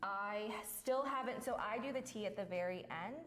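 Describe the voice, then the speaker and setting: A woman's voice: mid-range voice, normal speed, noisy background. A woman giving a casual hands-on art lesson, explaining each step in an encouraging way. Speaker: lettering art teacher.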